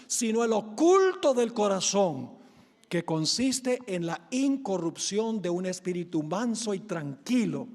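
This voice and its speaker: A male pastor delivers an earnest, emphatic sermon with a high-pitched voice. He speaks straight to his listeners and leans hard on key points. A long reverb rings around his words. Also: darkish tone. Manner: earnest, emphatic, addresses the congregation directly.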